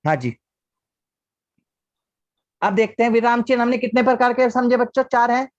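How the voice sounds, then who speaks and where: A man with an extremely high-pitched voice speaks at normal speed, with no room sound, while teaching a class online. He patiently asks the students questions and then answers them himself, all captured through dull, lo-fi video call audio.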